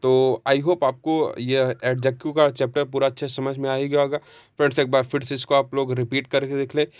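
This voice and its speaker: A man giving an English grammar lesson in Hindi, reading word lists slowly and pausing between words. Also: medium pitch, level tone, no room sound, lo-fi sound. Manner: reads word lists slowly, with short pauses; explains in Hindi, with occasional throat clearing.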